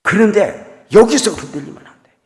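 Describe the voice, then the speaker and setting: Preaching a revival sermon as a visiting pastor, this middle-aged man shifts from booming outbursts to hushed stories and asks the congregation questions. His high-pitched voice is expressive and moves at a fairly quick clip, echoing with the reverb of a church sanctuary.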